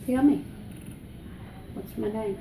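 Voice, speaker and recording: An older woman speaks slowly in casual family chat, a gently teasing, affectionate grandmother. She sounds distant from the mic in an echoey room. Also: fairly high pitch, creaky, slight background noise. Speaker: patient's grandmother. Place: hospital recovery room.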